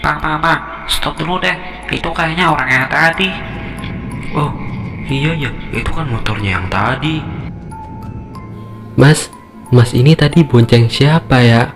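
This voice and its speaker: A man's voice: mid-range voice, measured pace, pauses often, voice pushed up, close to an everyday voice. A man voicing an alarmed male rubber plantation worker in a horror story, speaking urgently. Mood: hushed alarm. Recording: music behind, echo in places.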